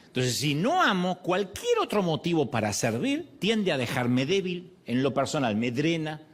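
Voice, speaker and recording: Animated Argentine man preaching a sermon. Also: fairly high pitch, moderate pace. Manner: animated storytelling with rhetorical questions. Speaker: pastor. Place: church.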